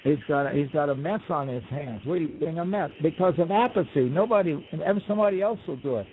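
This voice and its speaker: A man's voice: on the high side, lively intonation, quick pace, a little hiss or hum. Folksy man telling stories over a tinny phone line. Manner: folksy, rambling, acts out quoted voices. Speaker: guest storyteller. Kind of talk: relaxed conversational storytelling.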